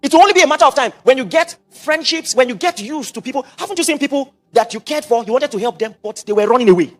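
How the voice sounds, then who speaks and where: A middle-aged Nigerian man preaching a sermon, mixing in Pidgin asides and quick repetitions. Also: extremely high pitch, expressive, faint music behind. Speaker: pastor.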